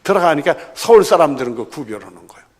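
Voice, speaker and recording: A man's voice: on the high side, quick pace. A middle-aged male pastor preaching a sermon with a slight Chungcheong lilt, telling stories and acting out the voices in them. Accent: Chungcheong-tinged Korean. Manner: animated storytelling, acting out quoted voices. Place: large church sanctuary. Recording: long church hall reverb.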